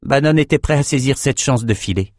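A man narrates a fantasy audiobook in a measured, steady reading voice. His pitch is mid-range for a man. The studio recording is dry and close to the mic. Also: dry recording.

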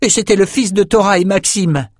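A man's voice: high-pitched, a little fast, no echo, clean studio sound, pitched above the performer's own voice. A man voicing a sneering, whiny young lout in a storybook reading.

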